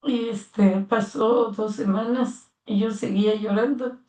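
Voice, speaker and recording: Una mujer mayor con acento mexicano relata con sentimiento los recuerdos de su vida, dando voz a los diálogos que recuerda. Su voz es algo aguda y suena apartada del micrófono, en una sala con eco. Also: female voice, a little high, steady tone, takes it slowly, warm tone. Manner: earnest and heartfelt, acting out remembered dialogue. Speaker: interviewee, mother of the interviewer. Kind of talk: personal life story told in conversation. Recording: roomy sound, mic at a distance.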